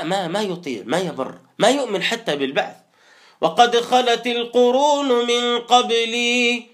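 A man teaches Quran commentary. He stretches out each recited verse slowly, then explains it in quicker plain speech. He turns to his listeners often with earnest, direct exhortation. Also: sits high.

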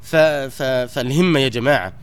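A man's voice: mid-range voice, animated, moderate pace, a bit bright. A man, a teacher giving an earnest exhortation to students of a Quran memorization program. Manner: earnest, exhorting, rising emphatically at key points.

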